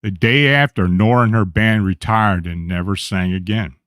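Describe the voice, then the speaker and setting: Male radio host reading strange tales aloud, even storytelling delivery, dead-dry mic. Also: on the low side, normal speed, no room sound. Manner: steady reading with small slips and self-corrections. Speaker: radio show host reading paranormal accounts.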